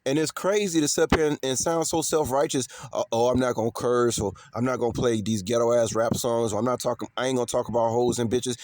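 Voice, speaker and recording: Over a noisy background, a fast-talking Chicago vlogger with a steady, mid-range voice barely pauses. He speaks unscripted to his viewers, emphatic and repetitive, with slang and swearing throughout.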